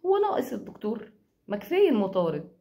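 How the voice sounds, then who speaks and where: A young woman with an Egyptian accent giving a casual spoken reading to her viewers, teasing and animated. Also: mid-range voice, quick pace, gravelly. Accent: Egyptian Arabic.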